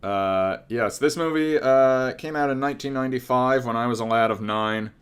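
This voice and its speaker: A man's voice: medium pitch, normal speed, clear, resonant tone. A man in his late thirties co-hosting a podcast, chatting casually with dry, sarcastic teasing. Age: late 30s. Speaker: podcast co-host. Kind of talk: casual chat.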